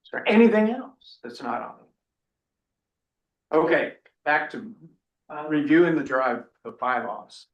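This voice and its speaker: Man, selectboard chair, firm measured procedural tone, mid-pitched, echoey meeting room. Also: sing-song, gravelly, highs cut off.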